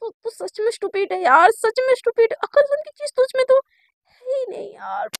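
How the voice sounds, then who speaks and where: A woman voicing a flustered, lovestruck young woman who pleads and scolds herself in a high, shrill voice. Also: steady tone, measured pace, darkish tone. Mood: self-scolding.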